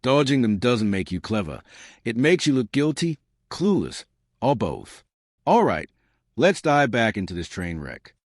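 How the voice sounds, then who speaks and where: A man's voice: mid-range voice, big pitch swings, unhurried, dry recording, clean studio sound. A man hosting a scripted reaction video, giving hyped-up, mocking commentary with emphatic delivery. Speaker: host of a reaction channel.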